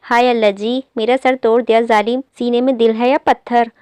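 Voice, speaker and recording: A woman reading the part of a sharp-tongued young woman who scolds and grumbles. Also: a little high, little pitch movement, moderate pace, smooth, no room sound, lightly acted. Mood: irritated.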